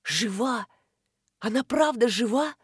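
A woman's voice: fairly high pitch, animated, slow pace, slightly rough, no echo, clean studio sound, exaggerated voice. A woman voicing a fierce young warrior. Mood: stunned. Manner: growling, forceful. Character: fierce young male warrior, grim and tormented.

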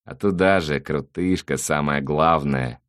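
A man's voice: a bass voice, unhurried, a bit bright, no room sound, studio quality. A man reading an audiobook, voicing a coarse, bossy male thug who swears and barks orders. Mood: gloating.

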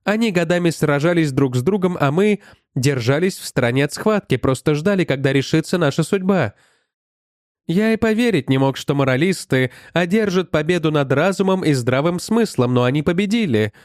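Guy doing a rusty old robot, pitched up high, dead dry mic. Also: animated, moderate pace, no room sound, natural voice. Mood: explaining. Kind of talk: audiobook narration.

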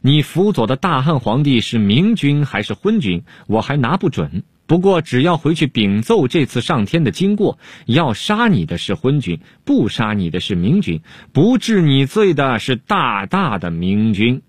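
A man's voice: mid-range voice, sing-song, moderate pace, few pauses, husky, no echo, studio quality, pitched above the performer's own voice. A man voicing a sly, unflappable male Han court jester-scholar who talks in a teasing, self-assured drawl. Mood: pleading.

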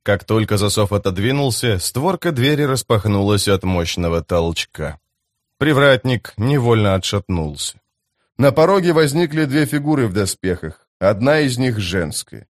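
A man narrating an audiobook in a steady, measured way. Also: fairly low pitch.

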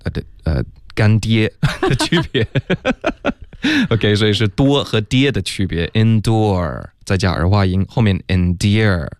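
Lowish in pitch but with big swings, the man speaks at a moderate pace as he teaches English pronunciation on the radio. He goes patiently step by step, saying "OK" and "嗯" often. Recorded in a radio studio, the audio is clean with no room sound.

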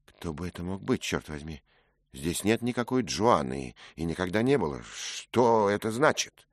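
A man's voice: sits low, big pitch swings, moderate pace, no echo, clean studio sound, voice pushed up. A man voicing a bold, impulsive young squire who speaks in fervent exclamations, in a read-aloud story. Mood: puzzled.

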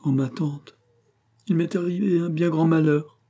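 A tearful, whining sixteen-year-old boy, as a man reads him, set a little higher than the narrator's own voice. He pleads in a clumsy, pitiful way in a storybook reading. The tone is warm and dark underneath. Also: animated, moderate pace, muffled recording.

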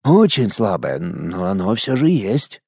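A calm, enigmatic field medic, as a male audiobook reader puts him on, speaking slowly and drawing out each phrase. His tone is dark and mellow, and the recording is dry and close. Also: a little high, husky, no room sound, pitched above the performer's own voice, full character voice. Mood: detached. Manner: slow, detached, drawn out.

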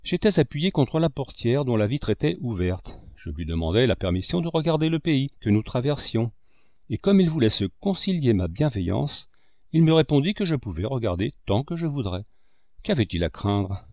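A male narrator reads a classic novel aloud with expressive phrasing. His mid-pitched voice moves up and down a lot. The recording is close and dry. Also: normal speed, no room sound. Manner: expressive, with a wide pitch range. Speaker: audiobook narrator. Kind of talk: literary audiobook narration.

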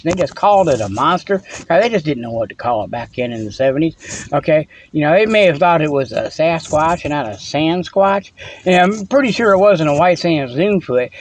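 A host with a high voice delivers a rambling comic monologue, playfully teasing, chuckling and restarting his sentences. He records it himself on a phone, so the quality is low and a faint hum sits underneath.

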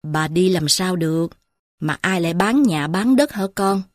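A woman voicing a poor, grieving old village grandmother who murmurs softly and slowly to her granddaughter. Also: fairly low pitch, lively intonation, dry recording, studio quality. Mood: tender, sorrowful. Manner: soft, slow confiding murmur.

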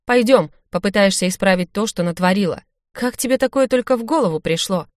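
A woman's voice: medium pitch, expressive, fairly quick, a little mellow, dry recording, studio quality, pitched above the performer's own voice, close to an everyday voice. Woman reading a grumbling stern colonel. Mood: gruff. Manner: gruff, grumbling.

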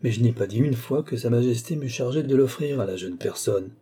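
A man's voice: mid-range voice, brisk, warm tone, slightly rough, lightly acted. A man voicing an aged, mannered court duke who mocks and lectures in an affected, theatrical way. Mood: sly mocking.

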